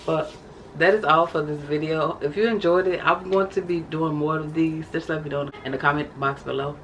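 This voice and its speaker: A woman's voice: deep voice, steady tone, normal speed, a little hiss or hum, rough recording. A young woman vlogging casually, reading from her journal and calling her viewers y'all. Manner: chatty, addresses viewers as y'all.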